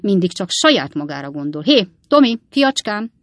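A woman voicing a nosy, fussy little gossiping woman, high and loud, coaxing and exclaiming. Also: lively intonation, no echo, clean studio sound. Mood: grumbling.

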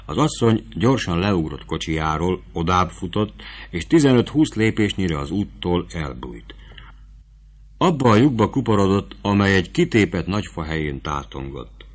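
A man reading a novel aloud as a narrator, in a steady, measured storytelling voice. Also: sits low, breathy edge.

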